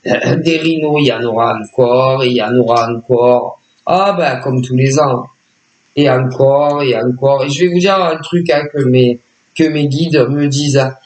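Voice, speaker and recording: A man's voice: mid-range voice, normal speed, darkish tone, roomy sound, low-quality recording. A man giving a casual spoken tarot reading as a psychic, hesitant and repetitive, full of filler words. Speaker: psychic reader.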